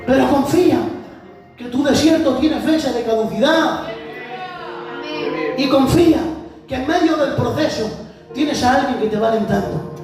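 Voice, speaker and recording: Fervent preacher in echoey church. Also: male voice, extremely high pitch, moderate pace, long pauses. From Spain. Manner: impassioned, rising to shouts, addresses the church directly. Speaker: visiting preacher. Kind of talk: fervent sermon. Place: church hall. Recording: very echoey church hall, far from the mic, music behind.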